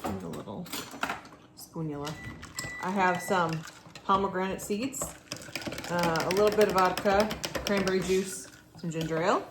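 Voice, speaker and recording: A woman's voice: lowish voice, moderate pace, pauses often, background noise. A woman chatting casually in a home vlog, describing food and drinks to the camera. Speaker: vlogger. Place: home indoors.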